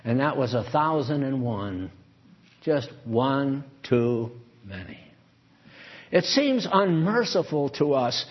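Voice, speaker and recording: A man's voice: mid-range voice, lively intonation, takes it slowly. An older man teaching from the Bible in a conversational, off-the-cuff way, reading verses aloud and then explaining them with asides. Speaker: preacher. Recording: dull lo-fi recording.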